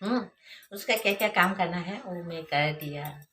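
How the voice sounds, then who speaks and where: A woman with an Assamese accent whose first language is Assamese, recounting a personal story unhurriedly, filling pauses with hmm and haan. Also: lowish voice, a bit bright, slight background noise. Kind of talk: personal anecdote.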